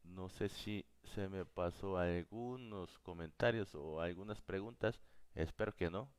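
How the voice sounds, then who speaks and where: A native Korean man leads a live online class, speaking slowly and going over each word again and again. His voice is low and smooth, and the close mic sounds dry. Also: dry recording. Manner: slow, patient explaining, repeating words several times. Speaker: Korean teacher.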